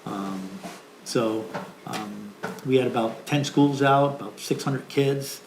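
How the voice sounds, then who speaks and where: A man's voice: medium pitch, takes it slowly. A man at a school board meeting speaking casually, with hesitant fillers. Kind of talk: meeting remarks. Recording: echoey meeting room, faint noise.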